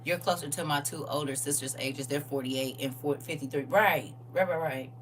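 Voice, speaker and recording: A woman in her forties hosting a casual livestream, animated and teasing as she reads viewer comments aloud. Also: low voice, moderate pace, distant mic, slight background noise.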